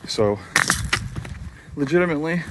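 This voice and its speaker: A man's voice: fairly high pitch, lively intonation, normal speed. A middle-aged man chatting casually to the camera while hiking alone on a forest trail, rambling and self-deprecating. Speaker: hiking vlogger. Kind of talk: casual vlog talk to camera. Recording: outdoor noise in the background. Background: outdoor noise.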